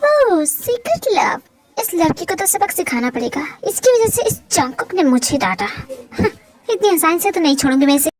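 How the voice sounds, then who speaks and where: A woman's voice: very high voice, very animated, normal speed, faint music behind. A woman voicing a gossipy, jealous young college girl in an amateur fan dub, speaking in a scheming, mocking way.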